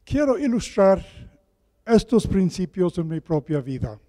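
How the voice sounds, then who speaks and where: A man delivers a sermon at an unhurried, deliberate pace. His voice is fairly high for a man and softly mellow, and it rings through a big hall with long, cathedral-like echo. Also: big pitch swings. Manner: deliberate, repeats key phrases for emphasis. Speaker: guest preacher. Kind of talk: sermon with Bible reading. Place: large echoing hall with pews.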